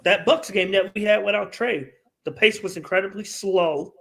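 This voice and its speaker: A man firing back rapid rebuttals in a heated basketball debate as a podcast co-host. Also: sits high, creaky, fairly bright tone. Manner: pressing, rapid-fire rebuttals.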